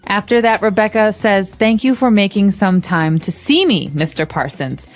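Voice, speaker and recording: A woman co-hosting an English lesson podcast, explaining words clearly and patiently. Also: medium pitch, expressive, moderate pace, soft background music. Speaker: English teacher co-host.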